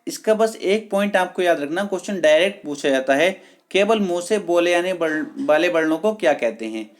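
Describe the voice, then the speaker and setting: A teacher giving an online exam-prep lesson, repeating key words slowly and checking with the class whether it is clear. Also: medium pitch, expressive. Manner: addresses viewers as friends, patient and repetitive.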